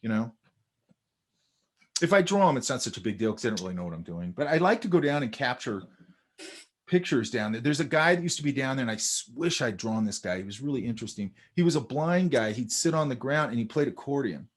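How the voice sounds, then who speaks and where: A man talks through a sketching lesson in a loose, conversational way. His pitch rises and falls a lot as he gets excited about the drawings. He often drifts off into stories along the way. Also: fairly quick. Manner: animated, storytelling, talks over drawings. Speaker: art instructor. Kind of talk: casual teaching chat.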